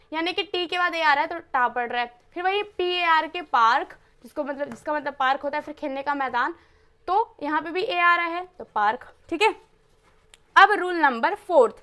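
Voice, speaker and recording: In a high, somewhat bright voice, a woman runs a classroom-style lesson on English pronunciation rules. Her method is to ask herself questions and answer them, and to spell words letter by letter.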